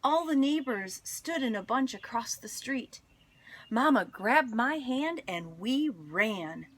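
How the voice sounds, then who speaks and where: Reading a children's story to her class, a woman teacher speaks with expression and care, pausing for dramatic effect. Her voice is slightly high.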